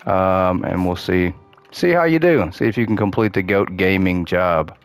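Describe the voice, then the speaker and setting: Over soft background music, a deep-voiced man at a moderate pace gives casual commentary while gaming on his channel. His smooth voice is cracking and worn from losing it, but he remains chatty and upbeat, thinking aloud as he plays.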